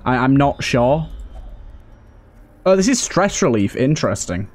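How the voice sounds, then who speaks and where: A man with a medium-pitched, darkish voice offers casual let's play commentary as a gaming host, very animated but a little slow. He thinks aloud and often repeats his phrases. Video game ambience and effects sit clearly in the background.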